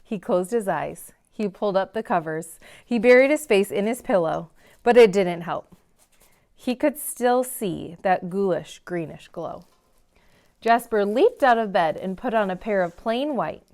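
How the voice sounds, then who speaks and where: Hosting a read-aloud for kids in a library, a woman performs a picture book with dramatic emphasis on important words. She speaks at a measured pace in an expressive, medium-pitched voice with a darkish tone.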